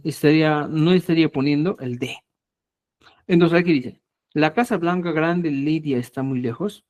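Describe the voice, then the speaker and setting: A middle-aged man leads a live online language class. His voice sits a little high for a man. He goes over each point patiently and keeps asking students whether they follow. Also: a little mellow. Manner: patient, repetitive, checks understanding with frequent "ya?". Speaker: Quechua language teacher.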